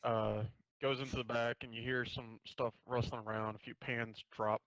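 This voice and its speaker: A male game master narrating a tabletop fantasy game, mid-pitched and casual. His talk rambles and he swears freely. The sound is close and dry. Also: little pitch movement, moderate pace, fairly bright tone, no echo, low-quality recording.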